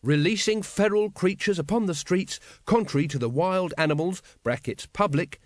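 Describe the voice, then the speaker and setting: A man's voice: sits high, moderate pace, no room sound, clean studio sound, voice pushed up, close to an everyday voice. A man voicing an eager, earnest young male watchman, keen and upbeat.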